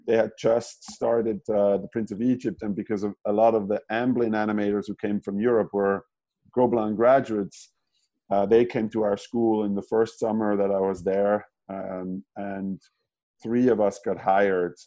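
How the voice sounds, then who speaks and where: A man's voice: fairly low pitch, little pitch movement, normal speed, warm tone, low-quality recording. A man from German-speaking Switzerland, an animator guest in a casual interview, who talks in a rambling way with many restarts and fillers.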